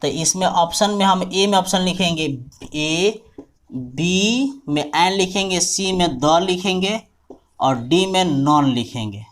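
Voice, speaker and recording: A man's voice: high voice, a little slow. A man teaching English grammar in a classroom-style lesson. He spells out words letter by letter in front of a writing board and often checks whether his students have understood.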